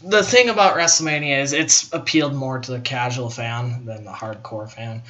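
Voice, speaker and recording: A young man hosting a casual wrestling chat, opinionated and animated, swearing casually as he makes his picks. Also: medium pitch, moderate pace, dull audio, crowd noise. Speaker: podcast host.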